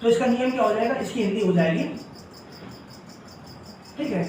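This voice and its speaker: Male teacher, high voice, explains rules step by step; recorded from a distance in a bare echoing room. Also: racing, a little mellow, slight background noise. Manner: explains step by step, often says "ठीक है". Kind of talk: classroom grammar lesson. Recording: echoey room, voice from far off.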